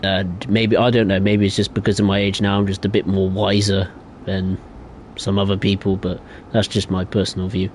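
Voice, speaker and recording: Deep and monotone, this young man's darkish voice moves at a moderate pace as he talks through a casual live stream of a game. He rambles, hesitates often and shares his views, while slight hiss or hum sits under the recording.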